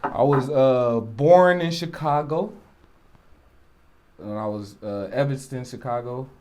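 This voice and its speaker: A man from Jamaica, a rapper, talking casually in an interview, relaxed and rambling with many asides. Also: medium pitch, takes it slowly. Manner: relaxed, rambling, with frequent "you know" asides.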